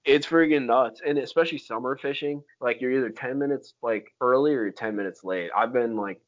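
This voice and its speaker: A man's voice: mid-range voice, fairly quick. A man telling stories in casual chat, with slangy talk full of dude, like and freaking. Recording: dull lo-fi sound.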